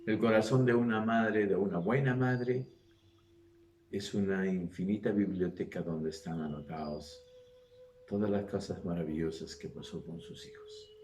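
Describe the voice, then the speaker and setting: A man's voice: low-pitched, reverberant, a little hiss or hum. A man preaching a sermon with rhetorical questions, acting out the people he talks about. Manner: animated, acts out voices, rhetorical questions.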